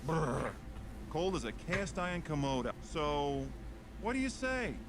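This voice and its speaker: Slangy American old-gambler card sharp, lively delivery. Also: male voice, on the high side. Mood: slick, coaxing. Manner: fast-talking old gambler patter, slangy and chummy. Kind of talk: video game character acting. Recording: loud music behind.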